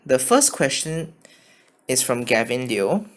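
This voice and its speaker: A man's voice: medium pitch, very animated. Hesitant man with a mixed Chinese-Singaporean accent. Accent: mixed Chinese and Singaporean English. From China. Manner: hesitant, halting, often apologetic. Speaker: channel host answering viewer questions. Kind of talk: casual Q&A vlog. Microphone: phone.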